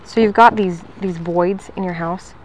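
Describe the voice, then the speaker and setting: In a rough recording with slight background noise, a woman gives a pest-control sales pitch at a house door outside. Her fairly low voice holds fairly even intonation at a measured pace, yet she's friendly, upbeat and talkative.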